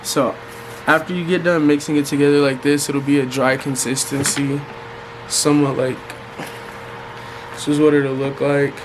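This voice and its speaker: American man, fairly high pitch, casual tutorial vlogger, colloquial phrasing, noisy room with fan hum. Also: little pitch movement, normal speed, long pauses. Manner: informal, colloquial, addresses viewers as "y'all" and "guys". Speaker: vlogger giving a fishing bait tutorial. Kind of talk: casual how-to vlog chat. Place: hot room at home with a fan running. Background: fan noise.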